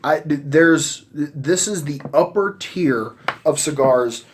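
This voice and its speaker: Man in his thirties, relaxed podcast co-host. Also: fairly high pitch, slow. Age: 30s. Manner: relaxed, hesitant with many restarts. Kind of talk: casual chat.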